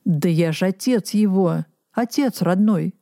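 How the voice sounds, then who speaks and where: Brief: woman reader doing an old man, begging and wailing, drawn-out whine. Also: lowish voice, warm tone, no room sound, clean studio sound. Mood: pleading. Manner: whining and imploring, drawn-out.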